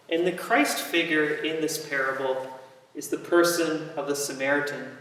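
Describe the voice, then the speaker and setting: A man with a slightly high voice delivers an informal sermon in a very echoey gym. He sounds a little distant from the mic, with a long ring around his words. He explains things emphatically, leaving deliberate pauses. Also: fairly bright tone. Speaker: host of a faith series, preacher.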